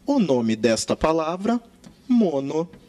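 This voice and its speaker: Lively Brazilian grammar teacher. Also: male voice, on the high side, slow pace. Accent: Brazilian Portuguese. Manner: lively, emphatic teacher stretching key words. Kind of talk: video grammar lesson.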